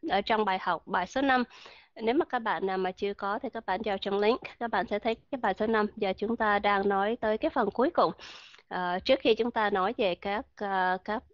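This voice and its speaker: A woman's voice: mid-range voice, no echo, muffled recording. A woman teaching English pronunciation in an online lesson, explaining patiently with many fillers and checking that her students understand. Her first language is Vietnamese.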